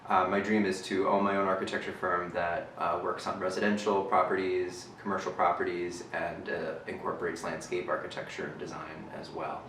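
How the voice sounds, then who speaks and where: A young man, an architecture student, answering in a formal, deliberate way. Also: low voice, level tone, fairly bright tone, slight background noise. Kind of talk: prepared interview answers. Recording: echoey room, distant mic.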